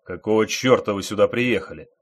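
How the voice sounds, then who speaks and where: A man's voice: fairly low pitch, brisk, natural voice. A man voicing an irritable, commanding male police major in an audiobook, bossy and scolding.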